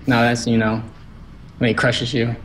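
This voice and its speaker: A male player answering interview questions after his victory. He speaks in a casual, halting way, full of fillers and restarts. A faint noise runs underneath. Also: medium pitch, little pitch movement. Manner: hesitant, fillers, modest. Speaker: tournament winner guest.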